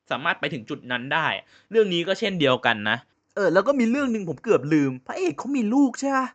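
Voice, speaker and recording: A man's voice: a little high, sharp tone. A man giving a casual spoken review on his channel, ranting with exasperated rhetorical questions in loose, slangy talk. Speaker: vlogger reviewing a series.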